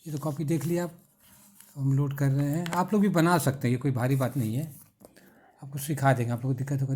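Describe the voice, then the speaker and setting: A man's voice: mid-range voice, warm tone, a little hiss or hum. A middle-aged male teacher, explaining an English textbook exercise and patiently spelling words out letter by letter.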